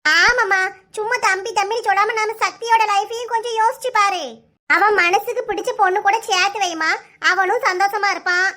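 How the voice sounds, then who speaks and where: Cartoon daughter, Kanyakumari Tamil accent, argumentative, quick comebacks, very high. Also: female voice, steady tone, bright, forceful tone. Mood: arguing. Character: outspoken young married daughter, modern-minded.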